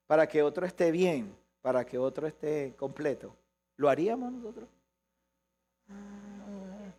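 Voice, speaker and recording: A man preaching a live sermon as pastor, questioning the congregation and shifting between quick asides and slow emphasis. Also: high voice.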